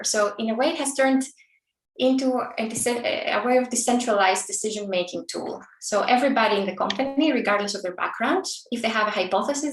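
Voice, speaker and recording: Woman from Greece, thirties, technical conference talk, friendly, many fillers, distant mic, roomy echo. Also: mid-range voice. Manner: friendly, with frequent fillers and restarts. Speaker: conference speaker.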